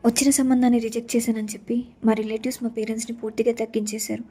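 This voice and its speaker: Young woman narrating her own sad story, earnest, kinda high but flat and mellow. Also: rapid-fire, breathy edge. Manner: earnest, sorrowful recounting. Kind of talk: first-person story narration.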